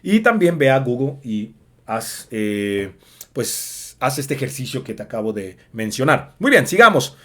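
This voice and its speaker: A man's voice: mid-range voice, big pitch swings, unhurried, a bit bright. Chatty man teaching English. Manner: chatty, lots of fillers, sings snippets. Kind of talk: casual spoken lesson.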